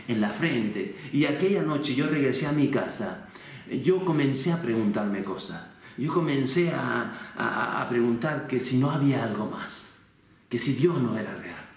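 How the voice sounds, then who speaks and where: A man from the Canary Islands, preaching an earnest, personal sermon from his home with many rhetorical questions. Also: mid-range voice. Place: room at home. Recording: very echoey room.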